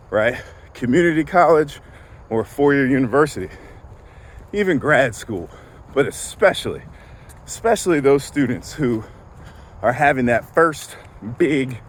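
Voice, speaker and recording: A man's voice: medium pitch, slight background noise. A man talking casually while walking outdoors, out of breath and sighing between phrases. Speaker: vlogger. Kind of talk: casual walk-and-talk vlog.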